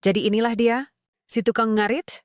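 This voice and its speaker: A woman's voice: a little high, level tone, moderate pace, no room sound, studio quality, pitched above the performer's own voice, close to an everyday voice. A woman voicing an arrogant, scornful man who talks in a mocking, sneering way, read as a story. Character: arrogant scornful man, the girl's estranged father.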